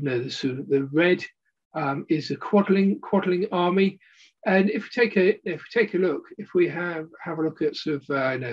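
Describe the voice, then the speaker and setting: Husky, halting man doing an unboxing video. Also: on the high side, darkish tone, lo-fi sound. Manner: hesitant, halting, rephrasing often. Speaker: presenter of a board game unboxing. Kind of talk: unboxing video commentary, unscripted walkthrough of components. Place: indoor hobby room at a table.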